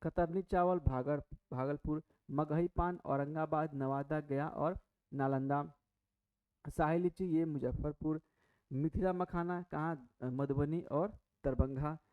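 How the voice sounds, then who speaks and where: A man's voice: fairly high pitch, steady tone, slow pace, clear, resonant tone. A man teaching an exam-prep lesson, chatty, asking and answering his own questions with many fillers and restarts. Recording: tinny phone-like audio.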